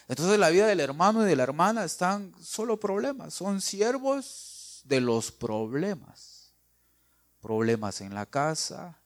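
A man preaching a sermon, emphatic, repeating phrases and asking the congregation "right?". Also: mid-range voice. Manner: acts out quoted voices with sharp swings in loudness.

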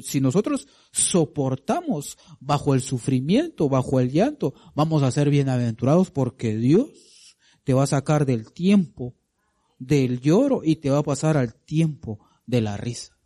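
A man preaching a sermon to a congregation, calling them brother and sister, asking them questions, swinging between loud climbs and soft drops. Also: medium pitch. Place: church congregation.

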